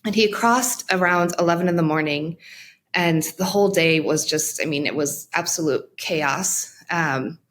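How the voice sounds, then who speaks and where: In an interview, a woman who works as a mental health practitioner shares a personal story, reflecting as she goes and often pausing or restarting her sentences. Her voice is deep and a bit bright.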